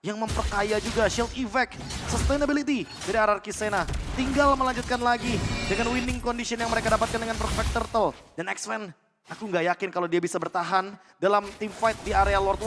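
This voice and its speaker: Indonesian guy doing esports analysis, talks fast, loud music behind him. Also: high voice, steady tone. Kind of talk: fast analytical game commentary.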